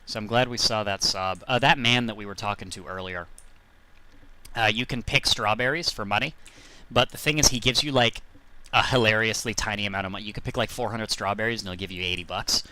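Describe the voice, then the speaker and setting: A man streams a driving game, chatting casually and spinning rambling, jokey, self-deprecating stories for his viewers. His lowish voice is steady, smooth, bright and forceful, and he talks fairly quickly.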